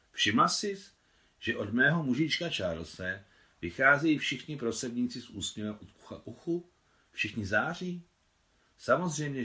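A man's voice: on the low side, bright, forceful tone. A man voicing a shrewd, talkative woman, a marshal's wife, in an audiobook reading, chatty and lecturing. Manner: chatty, self-assured, lecturing.

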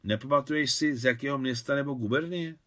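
A man voicing a wealthy, gracious older widow who grew up in Russia, speaking gently and courteously in an audiobook. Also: mid-range voice, close to an everyday voice. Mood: warm.

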